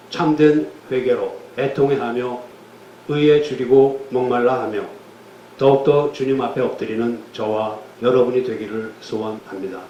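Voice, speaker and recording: A man preaching a sermon as pastor, measured and solemn, then leading a prayer. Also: medium pitch, dark tone, echoey room, lo-fi sound, slight background noise. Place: church sanctuary.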